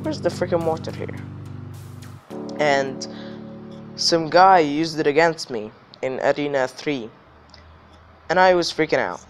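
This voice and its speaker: Higher-pitched man, casual gaming commentary, slightly ill. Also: measured pace, long pauses, faint music behind. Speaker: gaming video host.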